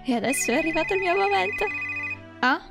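A woman vlogger acting out a Roblox role-play, excitable and exclamatory, often calling out names. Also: very high voice, fast talker, creaky. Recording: background music.

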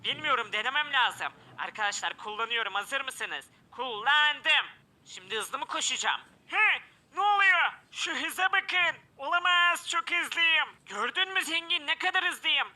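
A man giving excited let's-play commentary, often crying out in alarm as he plays. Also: very high voice, unhurried. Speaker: gameplay commentator.

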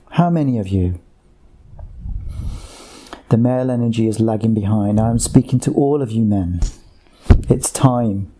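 A man speaking under hypnosis as a channeled voice, slow and repetitive, addressing listeners like a sermon. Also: mid-range voice, mellow.

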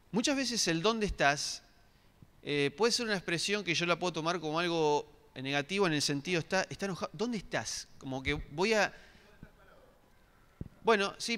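With a smooth, slightly high, somewhat bright voice, a middle-aged pastor leads an interactive sermon in a church hall, questioning the congregation and often restarting. Long hall reverb surrounds his speech.

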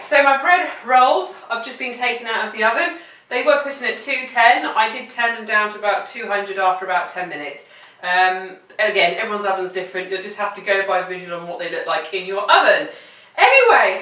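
A woman's voice: fairly high pitch, sharp tone. A woman presenting a cooking demonstration, chatty and playful, talking to the food as she goes. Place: home kitchen. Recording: roomy kitchen, mic at a distance.

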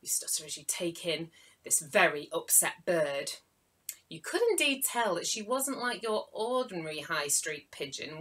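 A woman, a children's author, telling a story to young children with dramatic gasps and hushed asides. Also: fairly low pitch, slightly rough.

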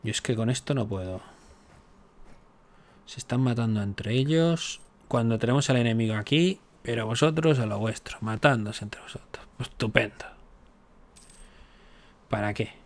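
A man talks through his strategy game in a casual let's-play style. He chats and jokes as he goes, throwing exasperated asides at the game. His voice sits at an ordinary middle pitch. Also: moderate pace, long pauses. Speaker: gaming YouTuber.

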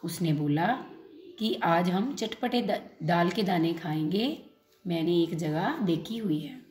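A woman's voice: fairly low pitch, animated, slow pace, a little mellow. A woman teacher reading a storybook lesson aloud and patiently retelling each line in simpler words. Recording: echoey room.

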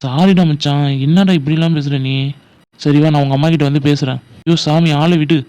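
Actor for a bickering young college man, quick talker, a bit high. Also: steady tone, a little mellow, clean tone, natural voice. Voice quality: brash, bickering banter. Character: young college man quarrelling with his friend. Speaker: college student. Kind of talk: village family drama acting.

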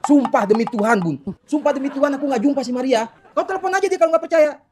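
A woman's voice: high voice, expressive, fast talker, a little mellow, a little hiss or hum. A woman playing a young husband with a Medan accent who keeps pleading and protesting against his jealous wife in a comedy sketch. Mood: exasperated. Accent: Medan Indonesian.

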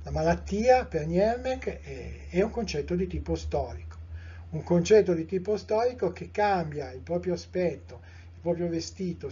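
A middle-aged Italian-accented man delivers a live lecture, speaking in a measured, discursive way and often turning to his listeners with rhetorical questions. His voice is dark, mellow and strongly husky, sitting a bit high for a man. The live recording sounds dull and lo-fi. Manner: measured, discursive, with frequent fillers and self-corrections.

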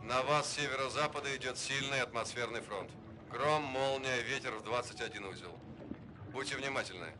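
An actor playing a calm male shore radio operator, heard as a distant radio transmission, brisk and procedural. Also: medium pitch. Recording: noisy, distant radio link.

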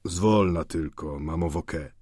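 A man reading the part of a sly, cynical middle-aged schemer who talks with slow mockery. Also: lowish voice, very animated, breathy edge, no echo, studio quality, full character voice. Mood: persuasive. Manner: mocking, slow and deliberate.

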